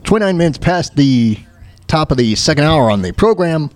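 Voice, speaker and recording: A man with a fairly high, very animated voice hosts a talk show, offering casual, opinionated off-the-cuff commentary at a moderate pace. He often stammers and repeats phrases, and the sound has no echo.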